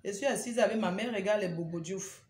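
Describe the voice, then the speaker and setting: Female live-stream host, medium pitch, pleading and teasing, echoey phone sound. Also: a little fast, a little mellow. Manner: repetitive, urgent pleading with viewers; teasing, scolding banter. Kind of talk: casual live-stream chat. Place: at home indoors.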